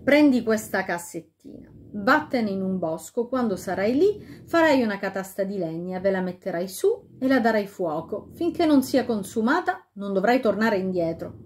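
Una regina scaltra e decisa, fatta da una donna. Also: female voice, medium pitch, sing-song, normal speed, hardly any pauses, slight background noise, lightly acted. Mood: determined. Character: scheming proud fairy-tale queen.

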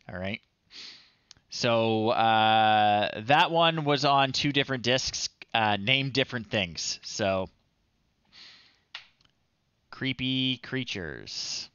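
Here a middle-aged retro game streamer casually commentates his live stream, reading the screen text aloud with off-the-cuff wryness from close on the mic. His medium-pitched voice is fairly bright, clear and resonant. The small indoor livestream room adds no echo, but the sound is lo-fi.

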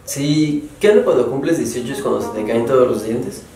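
A man's voice: mid-range voice, expressive, fairly quick, a crowd in the background, natural voice. Actor as a naive young Mexican guy, very echoey. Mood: naive complaining. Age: young adult. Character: naive, whiny, timid eighteen-year-old male friend. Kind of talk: comedy web series sketch acting. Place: indoors in a bare, hard-walled house room. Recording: very echoey room, distant mic.

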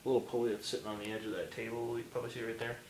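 A hoarse young man in his twenties races through a casual phone-filmed walkthrough of his Halloween haunt build in a home room, full of ums as he handles gear. His mid-range voice is a little mellow with little pitch movement, and the audio is poor with slight background noise.

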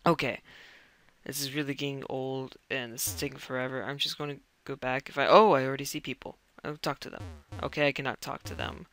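Gravelly young man reacting to a game. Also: mid-range voice, fairly even intonation, brisk. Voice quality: voice cracks. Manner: reacts loudly and talks to himself while playing. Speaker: let's play gamer. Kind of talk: gameplay commentary.

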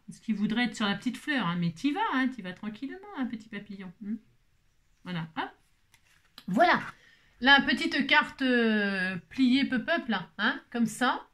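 A woman's voice: fairly high pitch, fairly bright tone. A woman hosting a craft tutorial, chatting playfully to viewers and to herself as she works. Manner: talks to herself and viewers while working, playful teasing asides.

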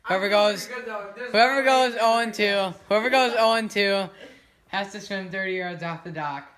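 A teenage man hosting a casual home gaming video in a living room, getting excited and shouting at big catches. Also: sits high, fast, reverberant. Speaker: channel host.

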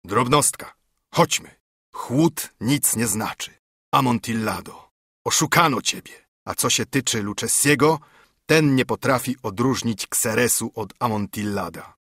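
A man reading aloud and voicing a tipsy, eager Italian nobleman who boasts about wine and brushes off warnings, lifting his voice higher for him. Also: animated, measured pace, a bit bright, dry recording, clean studio sound. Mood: dismissive.

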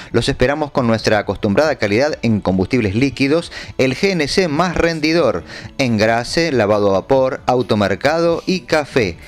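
A man reading an upbeat local business ad in a bright, salesy way. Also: medium pitch. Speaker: advertising announcer.

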